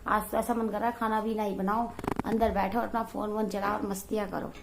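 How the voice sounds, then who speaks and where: A young woman chatting casually to her viewers in a home vlog, talkative and quick to laugh. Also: mid-range voice, level tone, vocal fry, a little hiss or hum. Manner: chatty, laughs often, addresses viewers as guys. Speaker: vlogger. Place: home, indoors.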